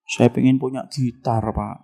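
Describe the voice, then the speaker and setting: A downcast young street busker with a tattoo, giving short, humble answers, as a preacher quotes him. The voice is low and gravelly, with rough fry in it. It is quiet and plain, close to the teller's own everyday voice. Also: male voice, steady tone, a little slow. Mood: sad.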